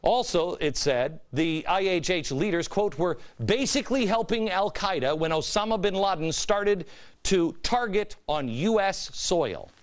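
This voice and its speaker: An American man hosting a political commentary show gives a sarcastic, mock-innocent monologue packed with repeated phrases and pointed rhetorical questions. His voice is high and animated, and his pace a little slow.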